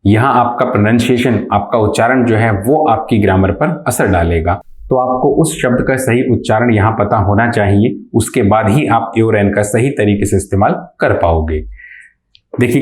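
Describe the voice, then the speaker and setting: A man teaching English grammar in a slow, deliberate way, answering his own questions and repeating key terms. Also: lowish voice, a little mellow. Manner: asks questions and answers them himself. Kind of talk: explanatory lesson. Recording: echoey room.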